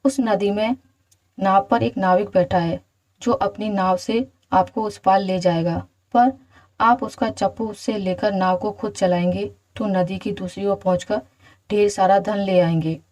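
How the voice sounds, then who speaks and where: Woman reading as a calm clever young man. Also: mid-range voice, unhurried, natural voice, low-quality recording.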